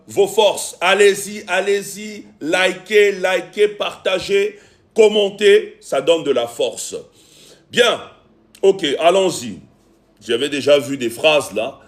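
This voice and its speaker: A man hosting a casual live stream on his phone, repeating himself and pleading with his viewers for support. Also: on the high side. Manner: repetitive, pleading with viewers, many fillers. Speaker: live-stream host and music producer.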